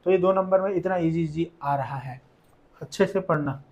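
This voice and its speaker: A young man teaching school maths for exams in a quick, chatty way, repeating each step. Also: fairly high pitch, a little mellow. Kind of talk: exam-prep maths lesson.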